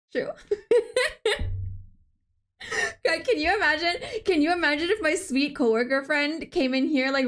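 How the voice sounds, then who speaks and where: A young woman with a slightly high voice chats playfully with her live-stream audience. She talks quickly and casually into a desk mic, reading chat messages aloud and tossing back jokes. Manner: chatty, playful, quick-talking.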